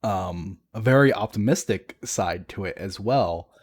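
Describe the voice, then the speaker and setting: A young adult man co-hosting a podcast, talking casually and excitedly, swearing freely and restarting often. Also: lowish voice, unhurried, breathy edge. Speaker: podcast co-host. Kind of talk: casual chat.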